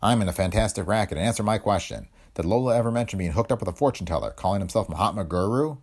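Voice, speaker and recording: A man voicing a hard-boiled, wisecracking male private detective, in a gravelly, husky voice. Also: fairly low pitch, animated, rapid-fire. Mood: terse.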